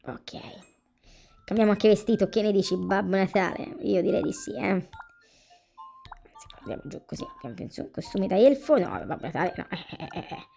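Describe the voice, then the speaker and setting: A woman's voice: medium pitch, a little fast, vocal fry, long pauses, warm tone. A woman giving casual commentary on a life-sim game, chatting to viewers and to the game's characters. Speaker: gameplay commentator. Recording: faint background music.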